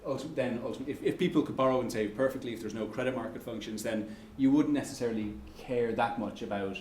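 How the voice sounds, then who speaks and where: At an economics lecture, a medium-pitched Irish man with a slightly mellow voice answers the audience, tripping over restarts and fillers. Slight background noise sits in the echoey room.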